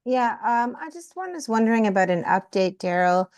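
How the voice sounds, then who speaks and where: A woman's voice: on the high side, very animated, moderate pace, a little mellow, no room sound. Woman on glitchy, warbling call audio. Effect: glitchy, warbling video-call audio that cuts out. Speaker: committee member. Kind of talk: joining a meeting remotely.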